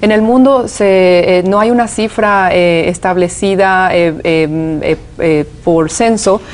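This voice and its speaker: A woman's voice: on the low side, slow pace. A woman from Paraguay, a guest singer, explaining things at length in an interview with many hesitations.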